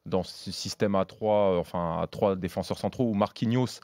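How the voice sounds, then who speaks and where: Male football pundit, deep voice, dry close sound, halting conversational analysis with repeated words. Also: a little mellow, no room sound. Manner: halting, repeats words while building arguments. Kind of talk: live match analysis in a panel discussion.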